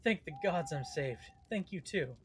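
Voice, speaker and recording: A man's voice: on the high side, lively intonation, measured pace, slight background noise. A man reading the lines of a frightened, stout, middle-aged male merchant from a game, in close to his own voice. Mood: shaken. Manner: read aloud plainly, close to his own voice. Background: game music.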